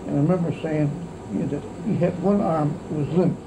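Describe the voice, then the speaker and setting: Speaking in a fairly high, creaky old voice, a U.S. man of about ninety or more looks back on growing up during wartime. His reminiscing is loose and halting, peppered with "see," and the recording carries a steady, insect-like hum and plenty of noise.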